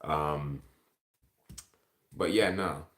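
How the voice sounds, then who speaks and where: His bass voice is fairly bright and he draws out his words as he chats on a livestream. The man, from Ontario, Canada, rambles and swears a great deal answering comments, with echoey room acoustics around him.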